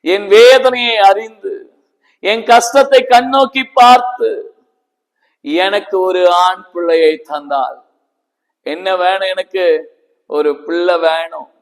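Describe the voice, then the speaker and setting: A male preacher acting out a grieving childless woman who pours out a desperate, pleading prayer. The voice sits high and moves slowly, and a long reverb trails behind each phrase. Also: fairly even intonation. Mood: tearful pleading.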